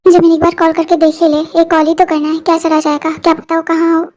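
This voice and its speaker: A very high-voiced reader playing a young woman anxiously arguing with herself. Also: monotone, fast talker, darkish tone. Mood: fretful. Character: fretful young woman waiting for someone.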